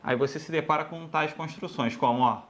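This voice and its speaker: His voice sits on the high side and moves a bit fast as this man teaches grammar with energy. He talks to the class informally, calling them "galera," and repeats each rule.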